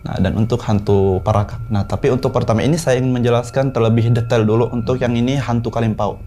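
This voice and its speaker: Young man, 20s, from South Sulawesi, warm mellow voice, slow casual horror storytelling. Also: medium pitch, fairly even intonation, soft background music. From South Sulawesi, Indonesia. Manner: unhurried, many pauses and fillers. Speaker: guest storyteller.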